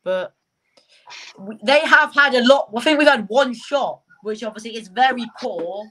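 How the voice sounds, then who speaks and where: A woman's voice: on the high side, normal speed, pushed and bright, rough recording. A young woman hosting a live football reaction vlog, keeping up a running commentary and passing on what her chat says. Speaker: vlogger host.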